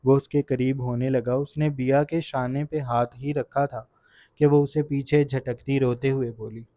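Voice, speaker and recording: A man narrating a romance novel aloud in a steady, earnest storytelling manner, in a dry, dull recording. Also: medium pitch, no echo. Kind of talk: audiobook narration.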